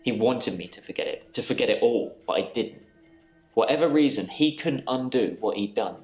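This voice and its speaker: An actor in a live-action mystery game playing a troubled male patient who calmly recounts reliving the same day. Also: medium pitch, brisk, natural voice. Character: troubled male patient haunted by repeating days. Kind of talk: scripted game dialogue. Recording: roomy with game music.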